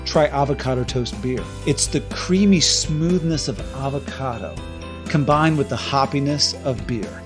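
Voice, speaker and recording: A man's voice: medium pitch, lightly acted. A man playing a smug announcer in a parody beer commercial, with a punchy, sarcastic hard-sell delivery.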